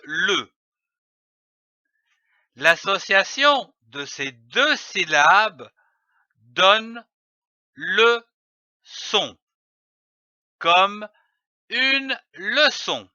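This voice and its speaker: A man teaches reading at a very slow, deliberate pace, sounding out each letter and syllable. His voice is high and bright, with a lively, sing-song rise and fall. The recording is dry and a little dull. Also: smooth, no echo. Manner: spells letters and sounds out slowly and carefully.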